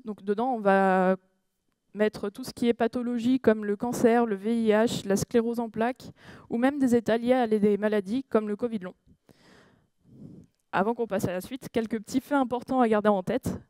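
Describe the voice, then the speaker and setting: Mellow-voiced woman giving a conference talk. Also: on the high side, dry recording. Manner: hesitant, many fillers and self-corrections; engages the audience with questions. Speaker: conference speaker. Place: conference room.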